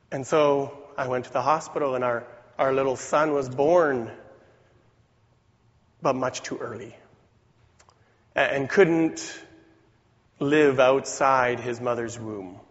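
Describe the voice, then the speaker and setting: A man with a voice weakened by a cold, preaching a sermon in an earnest, deliberate way with rhetorical questions. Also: medium pitch. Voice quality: weak voice from a cold. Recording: dull recording in reverberant hall.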